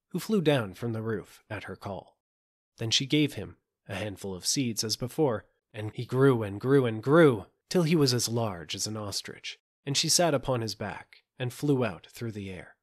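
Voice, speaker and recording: A man narrating a fairy tale audiobook in an expressive storytelling manner. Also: on the low side.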